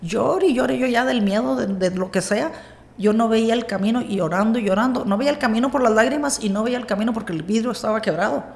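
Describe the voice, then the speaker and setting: A woman with a Mexican accent, a podcast guest, telling a personal story in a lively way and acting out what others said. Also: fairly high pitch, quick pace, gravelly. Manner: animated retelling, acts out quoted dialogue.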